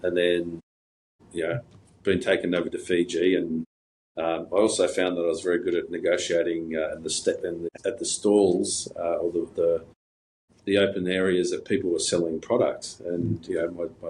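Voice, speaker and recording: A middle-aged man answering interview questions in a relaxed, anecdotal way, wandering through stories with plenty of fillers and restarts. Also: sits low, moderate pace, slight background noise, rough recording. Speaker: guest. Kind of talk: casual interview storytelling.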